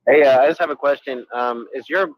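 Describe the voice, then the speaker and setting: A man's voice: mid-range voice, a little fast. A man calling in to a show, chatting casually over dull, lo-fi audio. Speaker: audience caller. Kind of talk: casual question.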